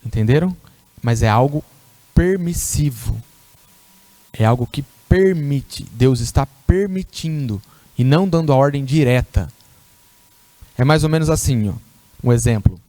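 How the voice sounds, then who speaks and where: Guy preaching in church, keeps asking if people get it, mellow voice, dry sound. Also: mid-range voice, animated, unhurried, pauses often, dry recording. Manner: teacherly, asks the congregation questions. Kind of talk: sermon.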